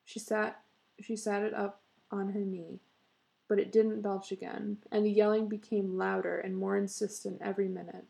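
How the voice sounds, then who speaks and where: A woman with a gravelly, fry-touched voice reads a short story aloud. Her pitch sits in the middle range. She keeps a steady reading pace and laughs now and then. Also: moderate pace. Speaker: reader.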